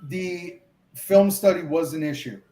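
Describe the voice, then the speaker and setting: A man's voice: high voice, measured pace, mellow. A man in a casual sports debate, argumentative and often stumbling over his words. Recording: echoey room, faint background hum.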